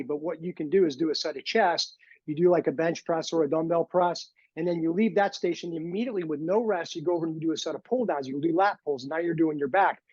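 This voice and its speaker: A man with a notably high voice talks through his story in a relaxed, lighthearted way, with a quirky streak in his humor. He sounds middle-aged. The sound is dry and muffled, as if recorded on a lo-fi line. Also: dry recording. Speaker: podcast guest, former bodybuilder. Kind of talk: casual storytelling interview. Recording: dull lo-fi sound.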